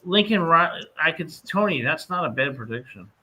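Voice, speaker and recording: A man's voice: fairly high pitch, expressive, normal speed, pushed and bright, low-quality recording. A man in his fifties from New Jersey, giving blunt, emphatic opinions in a casual sports chat. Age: 50s.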